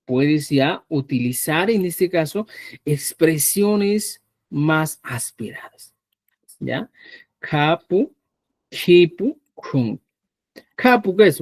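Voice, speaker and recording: A man from Peru teaching a live online language class, patiently repeating words slowly so students can hear the pronunciation. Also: a little high, lively intonation, no room sound. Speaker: Quechua teacher.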